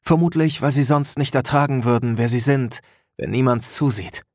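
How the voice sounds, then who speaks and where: A man voicing a poised, enigmatic young woman with a sharp, teasing tongue in an audiobook. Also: mid-range voice, normal speed, dry recording, clean studio sound, lightly acted. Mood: cool teasing. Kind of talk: audiobook dialogue.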